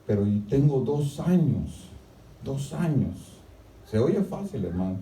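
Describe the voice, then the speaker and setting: A man's voice: big pitch swings, unhurried, slight background noise. Preaching man, roomy distant sound. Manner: preaching with frequent "hermano", swings to loud high-pitched shouting. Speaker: pastor. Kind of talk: sermon. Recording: echoey church sound from a distant mic.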